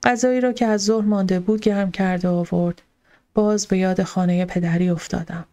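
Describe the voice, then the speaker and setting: A woman reading an audiobook in the first person, calm and steady. Her voice is dark and mellow, and her pitch sits in an ordinary middle range. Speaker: audiobook narrator. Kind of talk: scripted first-person narration.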